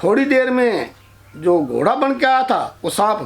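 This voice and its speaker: High-voiced man telling a folk tale. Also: sing-song, a little slow. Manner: repetitive, loose storytelling with restarts. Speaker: storyteller.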